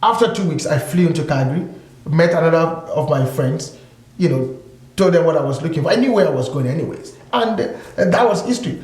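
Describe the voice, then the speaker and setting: A man speaks as a guest in a relaxed discussion, his voice sitting a little high for a man. He drives his points home by repeating them and fills pauses with plenty of ums and you-knows. The room around him sounds echoey. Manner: emphatic, repeats points, many fillers. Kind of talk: casual discussion.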